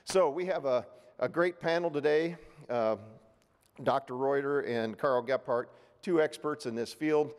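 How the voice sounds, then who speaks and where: A man's voice: medium pitch, a little slow. A middle-aged man from Ohio moderating a panel at a podium, plain-spoken with many fillers and restarts. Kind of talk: public panel remarks. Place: large hotel ballroom meeting. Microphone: podium microphone. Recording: long reverb of a big hall.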